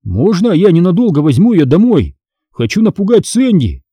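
A whiny, mischievous prankster boy, played by a male reader, pushed high and loud, whining and wheedling. The tone is dark and a little husky. The sound is dry and close. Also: sing-song, normal speed, dry recording, exaggerated voice. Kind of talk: audiobook character reading.

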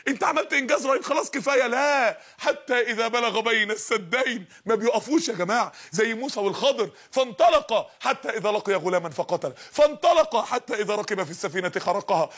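An Egyptian man delivering an impassioned sermon, dramatic and pleading, building to shouts. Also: very high voice, breathy edge. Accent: Egyptian Arabic. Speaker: preacher.

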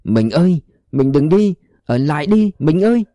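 A man's voice: fairly high pitch, animated, very fast, dark tone, no room sound, clean studio sound, voice pushed up, lightly acted. A man voicing a grieving, confused old man who stammers and pleads. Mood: pleading confused. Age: older.

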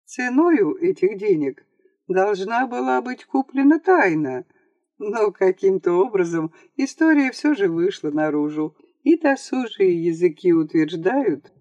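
An audiobook narrator reads a scripted comic story with wry theatrical flair, his pitch swinging widely against a somewhat dark tone. It's a dry, lo-fi home-studio voice-over with almost no echo.

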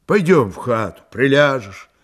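A man voicing a stern but caring Cossack man who talks gruffly and in a hushed voice. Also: mid-range voice, sing-song, measured pace. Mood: worried.

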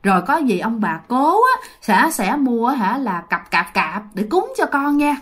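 A woman voicing a frightened but soft-hearted elderly grandmother who speaks in a gentle, coaxing way. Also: a little high, sing-song, unhurried.

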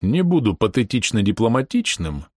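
A man plays a brooding half-orc warrior in an audiobook, blunt and grumbling. The voice sits a bit higher than the narrator's own and stays close and dry. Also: wildly swooping pitch, measured pace, dry recording.

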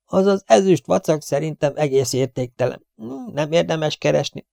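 A rambling, superstitious stout cleaning woman chatters on in a shrill, raised voice, as a male audiobook reader puts her on. The tone stays mellow underneath, and the recording is close and dry. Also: creaky, no echo. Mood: chattering.

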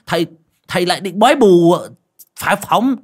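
A man voicing a mocking bald old man who stammers in a shrill, husky voice. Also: expressive, normal speed. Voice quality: shrill, stuttering.

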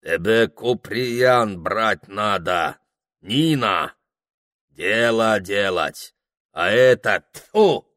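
A man voicing a gruff old Circassian servant. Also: fairly low pitch, lively intonation, extremely slow, a bit bright, exaggerated voice. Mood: gloomy. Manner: gloomy, blunt, scolding.

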